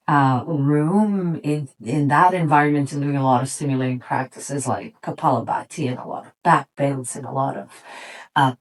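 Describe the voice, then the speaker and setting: A middle-aged woman from Serbia, a yoga teacher and studio owner, speaking reflectively as an interview guest, pausing and restarting as she thinks. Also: very deep voice, a little mellow, rough recording. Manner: thoughtful, reflective, with frequent pauses and restarts. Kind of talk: relaxed conversational interview.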